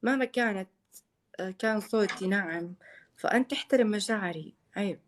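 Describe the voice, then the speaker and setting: A man doing a woman's voice, playing a soft-spoken, polite and plaintive young woman chatting on a live stream. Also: high-pitched, fairly quick, lightly acted. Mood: pleading. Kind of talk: casual live-stream chat.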